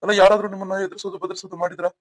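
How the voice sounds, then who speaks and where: Give me a man playing a stern police officer in a cartoon, questioning fast. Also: sits high, little pitch movement, no room sound, studio quality. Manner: probing, stern.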